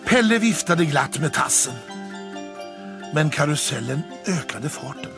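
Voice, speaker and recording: A man narrating a children's story in a lively storytelling manner. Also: fairly high pitch, creaky. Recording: faint background music.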